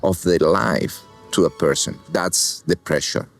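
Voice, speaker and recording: Calm chef from Argentina, low voice. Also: male voice, vocal fry, no echo, soft background music. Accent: Argentine Spanish. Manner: unhurried, plain non-native English with calm explaining. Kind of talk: cooking demonstration with commentary.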